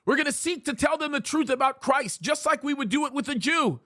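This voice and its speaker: Speaking briskly in an extremely high, expressive, sharp-toned voice, this pastor delivers preaching commentary straight to camera. He pleads with his viewers and repeats phrases to drive his points home. English is his first language and Arabic his second. The sound is dry and studio-clean.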